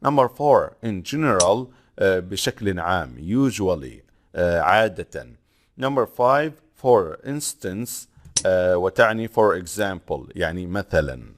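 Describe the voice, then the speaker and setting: A male teacher with a fairly low voice takes students through a textbook exercise one item at a time. He reads each English sentence slowly and carefully, then explains it in Arabic. His delivery stops and starts, with frequent hesitant pauses between phrases. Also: animated. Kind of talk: bilingual lesson, reading English and explaining in Arabic.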